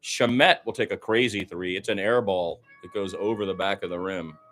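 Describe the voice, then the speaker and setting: A deep-voiced man calls a basketball game live on radio at normal speed, narrating the action in short, clipped phrases that rise excitedly on big plays. A little hiss or hum sits under the audio.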